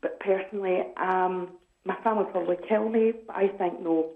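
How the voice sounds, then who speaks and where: A Scottish woman calls into a radio phone-in and talks in a hesitant, conversational way. Her lowish voice holds a steady tone at a slightly fast pace. The phone line sounds tinny and echoey.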